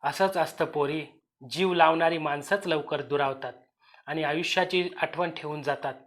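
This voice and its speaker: A man reading an audio story, voicing an old village grandmother who speaks softly and consolingly. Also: on the high side, measured pace. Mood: hushed. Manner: soft, hushed, consoling.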